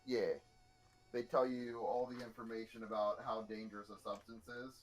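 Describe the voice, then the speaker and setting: A man's voice: fairly low pitch, fairly even intonation, normal speed, faint music behind, low-quality recording. A man on a voice chat with a friend, chatting casually and explaining things while he works.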